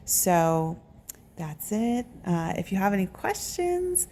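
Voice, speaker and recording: Woman, mellow creaky voice, halting delivery, casual vlog update, faint background noise. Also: medium pitch, big pitch swings. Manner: halting, pauses to search for words. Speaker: patient recording a recovery vlog. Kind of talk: casual update talk to camera.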